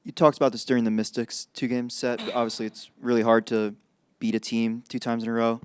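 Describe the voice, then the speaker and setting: A man's voice: medium pitch, little pitch movement, fairly quick, smooth. A man reporter asking a hesitant, filler-laden question at a press conference.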